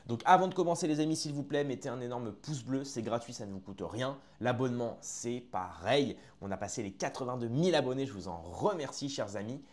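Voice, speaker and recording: A man's voice: medium pitch, animated, a little fast, few pauses. A man giving casual reaction commentary to his online viewers, chatty and often restarting his sentences, calling the audience his friends.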